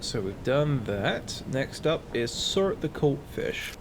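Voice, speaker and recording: A man's voice: medium pitch, sing-song, takes it slowly, noisy background. Man thinking aloud through a game. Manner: self-narrating, thinking aloud. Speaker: gaming video host. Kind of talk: casual gameplay commentary.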